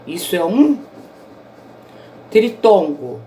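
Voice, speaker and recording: A woman's voice: fairly low pitch, big pitch swings, extremely slow, warm tone, a little hiss or hum. Woman teacher explaining a grammar lesson. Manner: explaining patiently, often checking in with students. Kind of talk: recorded online grammar lesson. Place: indoors, self-recorded at home.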